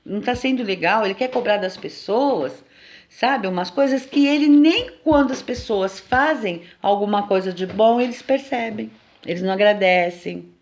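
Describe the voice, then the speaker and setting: A woman with a Brazilian accent giving an informal spiritual lesson in a conversational, lively way, often checking in with her listeners. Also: mid-range voice, normal speed. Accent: Brazilian Portuguese. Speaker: teacher at a spiritual temple.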